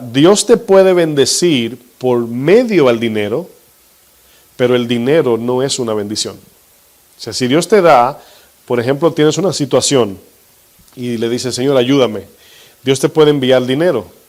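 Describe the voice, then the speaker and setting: Preaching in a steady, instructive way, this pastor has a mid-pitched male voice. He asks the congregation questions and eases his pace whenever he stresses a scripture passage.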